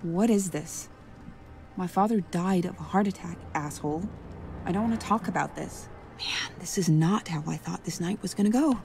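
A woman voicing a young wife in a video game, speaking in a hushed, breathy way and turning guarded and defensive. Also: fairly low pitch, normal speed, over music, natural voice. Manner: guarded, then frantic when arrested. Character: young wife caught up in a nightmare evening.

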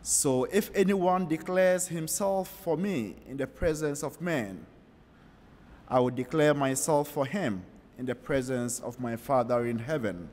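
A man reading the gospel at Mass, solemn and measured, heard with a cathedral echo. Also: mid-range voice, a little mellow. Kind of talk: liturgical scripture reading. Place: large church. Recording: long church reverb, distant from mic.

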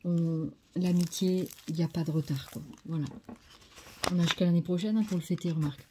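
A woman's voice: fairly low pitch, steady tone, a little fast, noisy background. A French woman hosting a scrapbooking video, chatting casually as she shows craft mail and repeating how nice each piece is. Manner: chatty, enthusiastic, repeats "très sympa".

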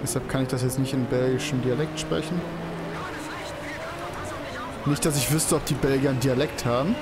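This is a young man's voice, medium-pitched with fairly even intonation and a moderate pace, recorded with heavy background noise and game music behind it. As a let's play host, he rambles casually through racing game commentary, swearing and exclaiming at the track.

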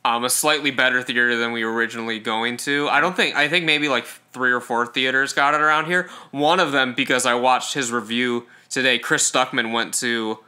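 A man hosting a podcast, chatting casually and relaxed about a film. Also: medium pitch, fairly quick, few pauses. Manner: relaxed, laughs easily. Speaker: podcast host. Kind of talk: casual film review chat.

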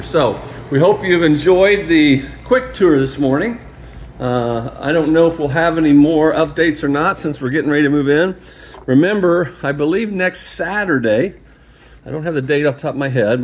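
A man's voice: a little high, a little hiss or hum. Upbeat man filming a building tour. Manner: enthusiastic, rambling, often drops to a mutter. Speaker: parish staff member giving a building tour. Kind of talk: casual walkthrough narration. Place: large new school building, empty gym and halls. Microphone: handheld phone camera, speaker off screen.

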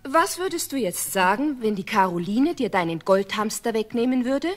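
A woman's voice: a little high, animated, moderate pace, natural voice. A woman playing a firm Bavarian mother. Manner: firm, admonishing, exasperated. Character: stern but loving mother, middle-aged. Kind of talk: 1970s radio play acting.

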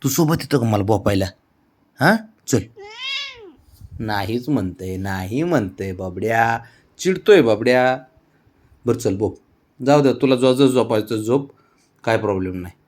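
A man's voice: fairly low pitch, animated, unhurried, long pauses, a little mellow. A man coaxing his pet cat in doting baby talk at home late at night. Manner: coaxing, doting sing-song. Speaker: pet owner.

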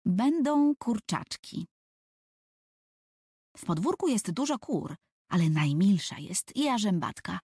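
A woman's voice: mid-range voice, sing-song, slow pace, long pauses, mellow, husky, no echo, studio quality. A woman narrating a children's book for an audiobook, telling the story expressively.

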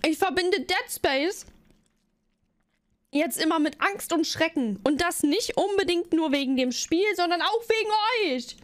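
A woman's voice: extremely high pitch, expressive, unhurried, no echo, studio quality. A young woman streamer chatting casually, flustered and giggly as she thanks her viewers. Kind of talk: casual live stream chat.

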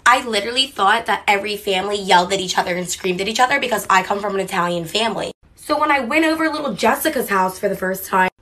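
A woman telling a comedic story about her upbringing, animated and acting out the voices of other people. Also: medium pitch, quick pace, rough recording. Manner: animated, acts out quotes.

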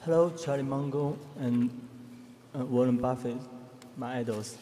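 Slow, mellow young man from China. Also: mid-range voice, a little hiss or hum. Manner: formal and deferential. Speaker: audience questioner. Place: large arena, standing at a floor mic. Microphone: stand mic. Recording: long arena reverb, faint ambience.

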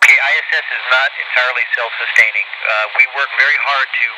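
A man, an astronaut, explaining life on board in a measured way with many "uh" pauses, heard over a breaking-up space-to-ground radio link. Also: medium pitch, fairly even intonation. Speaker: astronaut answering questions from the ground. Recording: lo-fi radio downlink under heavy static. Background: loud static hiss.

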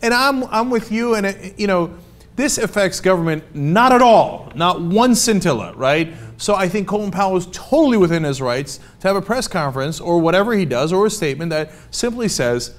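Slightly high-voiced male news host. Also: animated, a little fast. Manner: conversational, frequent "uh" fillers, blunt. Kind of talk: casual news commentary.

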